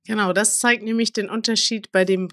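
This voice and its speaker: A woman's voice: mid-range voice, steady tone, brisk, a bit bright. German woman host, curious, leads with example words. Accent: standard German German. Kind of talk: casual interview.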